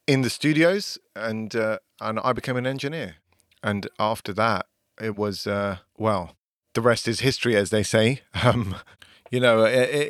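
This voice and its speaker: A man's voice: on the low side, clean tone, no echo, studio quality. A man co-hosting a podcast, talking casually about his work. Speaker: podcast co-host, record producer and engineer. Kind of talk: casual chat about career.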